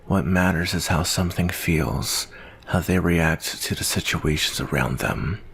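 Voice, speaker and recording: In an ASMR roleplay monologue, a man voices a jaded soldier who hunts monsters and carries heavy guilt. His gravelly, husky voice sits low yet a bit bright, slow and brooding with a weary edge, fully in character. The mood is tired and full of warning.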